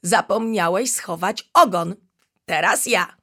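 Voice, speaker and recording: A woman's voice: mid-range voice, slow, a bit bright. A woman voicing a playful, boastful male chameleon who chatters cheerfully in a children's storybook. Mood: chattering.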